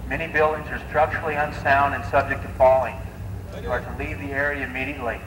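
Sheriff guy barking orders thru a loud speaker, big echo bouncing around. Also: medium pitch, little pitch movement, fast talker. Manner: firm, stern commands. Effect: blaring public-address loudspeaker. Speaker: sheriff's department officer. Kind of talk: official evacuation announcement. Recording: echoey loudspeaker heard outdoors, noisy.

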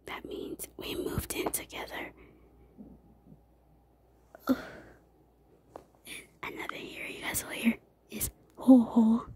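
Young woman, soft whisper, rambling, halting, fairly high voice. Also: little pitch movement, gravelly. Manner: rambling, halting with many fillers. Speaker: vlogger. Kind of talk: whispered casual vlog.

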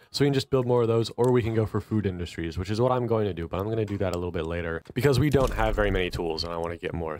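A man's voice: fairly low pitch, no room sound. A man with a stuffy, nasal voice from allergies, giving casual, wry commentary while playing a strategy game. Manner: chatty and wry, thinking aloud while playing. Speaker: gaming channel host.

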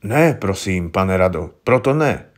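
A man reading aloud, voicing a frightened small-time safecracker who talks plaintively in rough slang. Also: low-pitched, sing-song. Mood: pleading.

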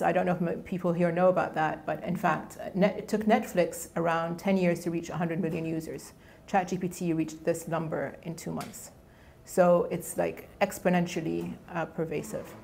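In a lecture hall, a middle-aged woman whose native tongue is Egyptian Arabic speaks from the podium as a guest lecturer at an academic colloquium. She keeps it conversational, using fillers and often restarting phrases. Her pitch sits fairly low with a darkish, fry-tinged tone, and a slight hiss or hum is audible.

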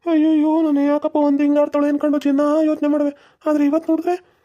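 A jittery village husband in a cartoon, high and rustic, chattering in fear with many exclamations. A performer voices him. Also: monotone, fast talker, dark tone, lo-fi sound, natural voice. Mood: shaken.

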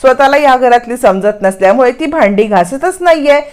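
A stern, domineering mother-in-law snaps orders in a raised, higher voice, as a woman storyteller puts her on. Her tone is bossy and scolding, with sharp little lifts. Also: animated, moderate pace.

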